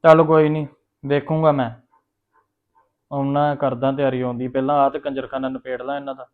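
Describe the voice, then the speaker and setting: A man's voice: mid-range voice, flat delivery, a little fast, natural voice. A man playing a scheming, short-tempered husband who talks brusquely and keeps cutting in. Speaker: husband on a phone call. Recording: phone-like narrow sound.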